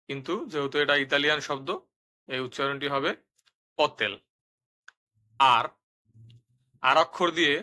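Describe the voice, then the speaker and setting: A man narrating a step-by-step language lesson, explaining pronunciation rules and repeating each example word twice, slowly and clearly. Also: a little high, pushed and bright. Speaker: language teacher.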